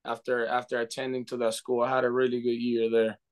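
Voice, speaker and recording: A man's voice: medium pitch, completely flat delivery, a little fast, clean tone. Earnest Dominican-accented man on a video call. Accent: Dominican Spanish. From Dominican Republic. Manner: earnest, with many restarts and "you know". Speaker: baseball coach. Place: indoor room. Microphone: webcam on video call.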